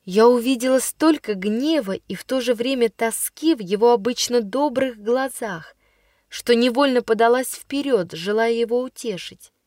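A woman narrating a first-person story in a measured storytelling way. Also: fairly high pitch, darkish tone, no echo, clean studio sound. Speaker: audiobook reader.

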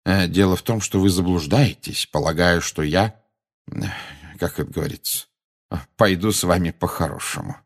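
A man voicing a calm, genial old wizard who speaks slowly and with quiet amusement. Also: low voice. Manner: slow, unhurried, gently amused.

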